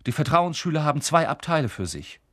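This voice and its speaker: A man voicing a self-important older teenage boy, a prefect who speaks briskly and pompously. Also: fairly high pitch, sing-song, fairly bright tone, no room sound, studio quality, voice pushed up.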